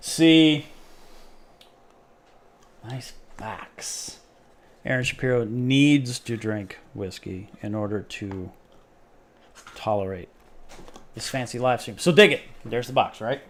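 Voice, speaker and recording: Gravelly man rambling through a live build. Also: mid-range voice, measured pace. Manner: rambling, jokey, talks to chat while tinkering. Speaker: live stream host. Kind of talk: casual live-stream build chat.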